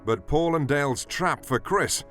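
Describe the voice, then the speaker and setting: A man's voice: on the high side, measured pace, a bit bright. A man reading scripted narration for a television documentary. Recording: voice-over with music bed.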